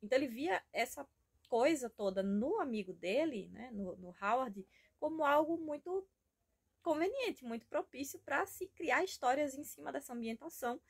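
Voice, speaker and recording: A woman's voice: high voice, lively intonation, moderate pace, creaky, breathy edge. A Brazilian woman with a Brazilian Portuguese accent, chatting casually and enthusiastically in a homemade reading vlog from home, rambling with frequent tag questions. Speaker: book vlogger.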